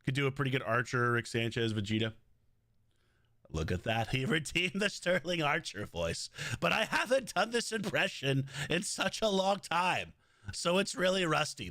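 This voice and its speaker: A man's voice: medium pitch, creaky, dry recording, studio quality. A man live-streaming a game, chatting casually with his viewers, joking and cursing as he plays. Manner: animated, profane, joking banter with chat.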